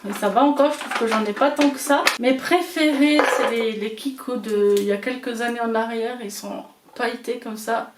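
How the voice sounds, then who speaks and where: In a small room at home, a beauty vlogger with an Alsatian accent chats casually while showing her makeup, hesitating often on fillers. Her high voice has fairly even intonation and sounds roomy, echoey, and a bit distant from the mic, with clear background noise.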